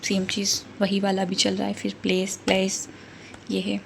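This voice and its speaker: Woman, book reviewer, casual walkthrough, reads word lists aloud, keeps checking in with listeners, monotone delivery. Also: mid-range voice, a little fast, gravelly, slight background noise. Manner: mixes English vocabulary into Hindi explanation.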